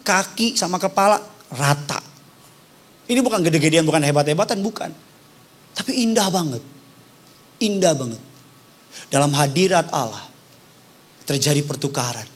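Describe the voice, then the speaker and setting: A male pastor preaching an impassioned sermon with call-and-response and humor. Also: a little high. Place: church service.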